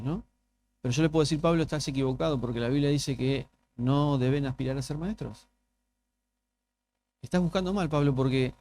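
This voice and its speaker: A man's voice: fairly high pitch, a little mellow, slight background noise. A male pastor with a Rioplatense Spanish accent, preaching a sermon in a conversational way and often asking the congregation rhetorical questions. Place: church.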